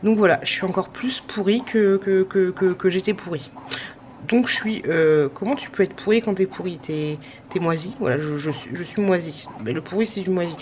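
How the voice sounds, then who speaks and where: A woman, in her twenties, rambling to camera late at night while worn out and a little sick. Her voice sits on the low side, and a faint hum from a breast pump runs underneath. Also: normal speed, darkish tone, muffled recording. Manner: rambling, chatty, lots of fillers and restarts. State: tired. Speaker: vlogger. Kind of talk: casual chat to camera. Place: home at night, pumping breast milk.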